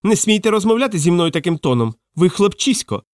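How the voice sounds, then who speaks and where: A man's voice: high-pitched, big pitch swings, fairly quick, darkish tone, no room sound, clean studio sound, pitched above the performer's own voice. A man reading an audiobook, voicing a fat, fussy official who squeals and shrieks with indignation. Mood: outraged. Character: fat, fussy older male official, outraged. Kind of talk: audiobook character voice.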